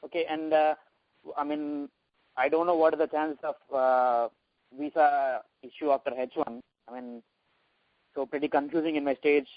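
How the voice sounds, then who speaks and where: A man's voice: fairly high pitch, fairly even intonation, moderate pace, no echo. A man from India with an Indian accent, calling in for advice in a hesitant, deferential way. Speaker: caller. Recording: dull, dry phone call.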